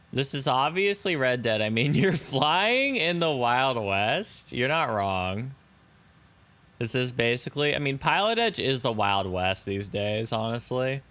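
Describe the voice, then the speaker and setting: While flying a simulator on a live stream, this young man chats casually with his viewers and thanks subscribers. He speaks in a mid-range voice with a fairly bright tone.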